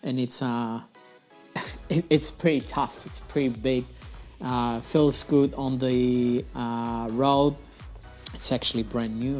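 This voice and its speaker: A young man hosting his fishing channel, talking casually through his gear at a desk in a small room on a lapel mic, with slightly phrasing. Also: medium pitch. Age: young adult. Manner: casual, chatty, slightly non-native phrasing. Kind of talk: gear review vlog.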